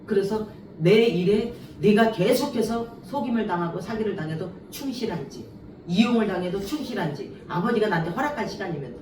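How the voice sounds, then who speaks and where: Animated woman preacher in an echoey hall. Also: mid-range voice, a little fast, background noise. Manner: animated, acts out quoted voices, laughs often. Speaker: revival preacher. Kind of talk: revival sermon with personal stories. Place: church sanctuary. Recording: echoey church hall, mic at a distance.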